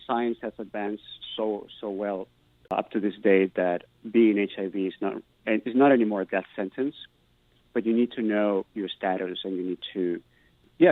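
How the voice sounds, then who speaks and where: A middle-aged Peruvian Spanish professor, a native Spanish speaker, gives earnest, thoughtful answers as an interview guest, restarting words while he searches for them. His lowish voice sounds dry and phone-quality.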